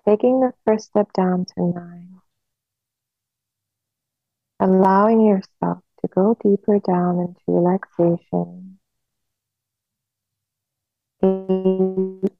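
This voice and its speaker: Over a narrow, phone-like line, a woman leads a hypnosis relaxation, speaking slowly and soothingly like a hypnotist and leaving long pauses. Her medium-pitched voice holds a steady tone with some vocal fry, there's no echo, and faint music plays in the background.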